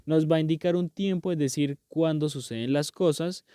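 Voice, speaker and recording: Man, teacher, patient explaining, smooth mellow voice. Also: a little high, moderate pace, no room sound, clean studio sound. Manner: patient, repeats "¿cierto?" and "¿listo?" to check understanding. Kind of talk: explaining a grammar lesson.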